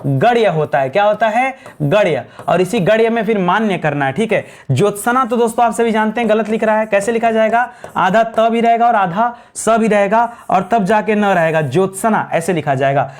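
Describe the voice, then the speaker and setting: A man's voice: high voice, moderate pace, few pauses. A man teaching Hindi spelling, who keeps asking his students what is correct, then answers himself. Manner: repeats questions to students, calling them "friends"; clears throat now and then. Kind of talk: spelling lesson at a board.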